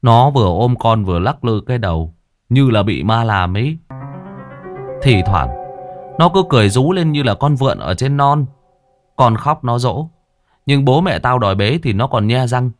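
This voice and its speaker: A man's voice: medium pitch, lively intonation, moderate pace, faint music behind, pitched above the performer's own voice, natural voice. A male storyteller voicing a frightened, superstitious village man who talks earnestly and insists. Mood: scared.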